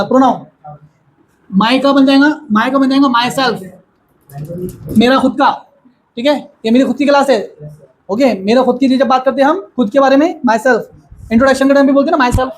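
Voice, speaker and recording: A man teaching a grammar lesson to a classroom of students, explaining slowly and asking them questions again and again. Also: very high voice, slight background noise, low-quality recording.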